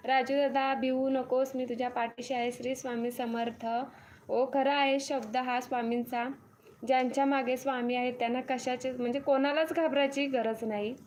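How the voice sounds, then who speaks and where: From her farm home beside a cattle shed, a young woman runs a relaxed live stream in a high-pitched, darkish voice that barely moves in pitch and keeps a normal speed. She reads viewers' comments aloud, welcomes them individually and repeats her thanks to each by name, with slight noise in the background.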